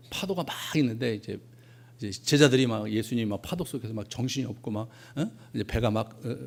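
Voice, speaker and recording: A middle-aged male pastor giving a sermon, telling stories and acting out prayers, swinging between hushed and loud. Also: on the low side, gravelly, husky.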